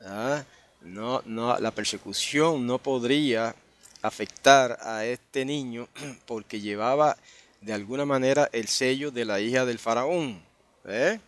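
A man's voice: mid-range voice, takes it slowly, no room sound. A man teaching a Bible passage in a conversational way, often checking in with the listeners and restarting phrases. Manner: conversational, full of tag questions and restarts. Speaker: preacher.

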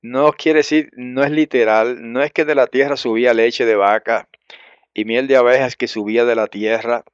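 A man's voice: mid-range voice, steady tone, smooth, dry recording, highs cut off. A man preaching a Bible lesson in a conversational way, calling his listeners brothers, often adding tag questions and going back over words to explain them. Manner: explains and repeats words, with pauses and restarts. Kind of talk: Bible teaching sermon.

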